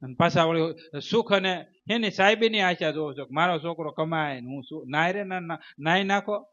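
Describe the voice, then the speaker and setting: High-voiced preacher. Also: male voice, normal speed, fairly bright tone. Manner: emphatic, repetitive, rhythmic preaching. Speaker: spiritual teacher. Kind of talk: devotional sermon with storytelling. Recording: dull lo-fi recording.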